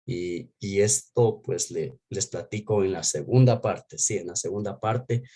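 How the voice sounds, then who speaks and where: Earnest Ecuadorian pastor giving testimony. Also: male voice, low voice, measured pace, warm tone. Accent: Ecuadorian Spanish. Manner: earnest, emotional storytelling with many restarts and fillers. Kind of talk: testimony sermon.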